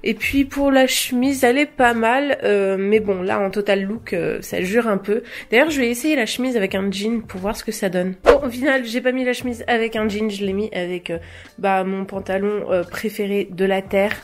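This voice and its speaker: A woman's voice: mid-range voice, moderate pace. A French woman talking casually through a clothing try-on haul, hesitating often and restarting her sentences. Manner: hesitant, many fillers and restarts. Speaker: fashion vlogger.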